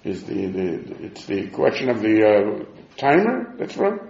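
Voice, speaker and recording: A man's voice: fairly low pitch, wildly swooping pitch, a little slow, creaky, a little mellow. A man with giving an informal religious text lesson, reasoning aloud in a sing-song way as he asks and answers his own questions. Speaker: Talmud teacher. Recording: dull, echoey room recording.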